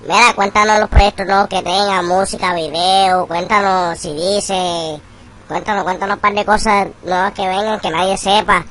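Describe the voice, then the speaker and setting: A woman hosts an interview, her voice sitting at an ordinary middle pitch. She speaks in a hyped, slangy way as she asks her guest questions. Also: fairly even intonation, normal speed, fairly bright tone, slight background noise. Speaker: interview host. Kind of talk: casual interview talk.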